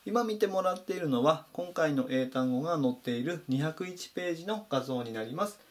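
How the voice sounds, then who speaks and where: A man teaching English vocabulary in Japanese, saying each word slowly and clearly in a voice-over lesson. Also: fairly high pitch, expressive. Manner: slow, careful spelled-out pronunciation of English words.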